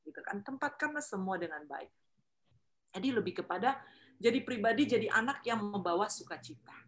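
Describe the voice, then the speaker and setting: A woman speaking, giving a casual faith talk. Her delivery is lively and chatty, with steady tag questions. She slips into playful voices for the people she quotes, and her pitch sits in the middle range. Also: brisk.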